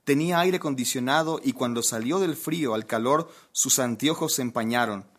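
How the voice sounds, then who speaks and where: During a sermon, a man spins a lively, funny anecdote and asks his congregation questions. He speaks at normal speed in a medium-pitched voice.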